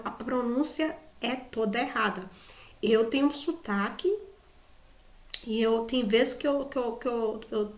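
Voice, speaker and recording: Chatty Brazilian woman teaching in an echoey room. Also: a little high. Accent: Brazilian Portuguese. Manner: chatty, repeats "né?" often, restarts words. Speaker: English teacher. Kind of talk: casual video lesson.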